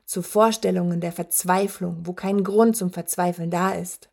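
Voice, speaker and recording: A woman's voice: fairly low pitch, fairly even intonation, moderate pace, darkish tone. A woman voicing a huge, dying male werewolf who taunts with a rattling, wheezing voice. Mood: gloating menace. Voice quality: rattling, rasping voice. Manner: taunting, gloating. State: wheezing, labored breath.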